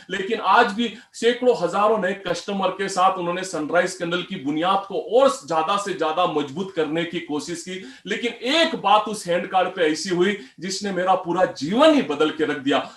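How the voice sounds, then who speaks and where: A man telling a personal story in an animated way, voicing the customers he quotes. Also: high voice. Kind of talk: storytelling talk. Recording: roomy echo.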